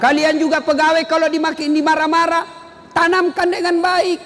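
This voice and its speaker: Middle-aged male preacher, a very high voice, lively and comic, caught in a reverberant hall. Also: normal speed. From Indonesia. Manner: animated, acts out scolding and sweet talk in quoted voices. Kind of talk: humorous Islamic sermon. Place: large hall with audience. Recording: reverberant hall with faint noise.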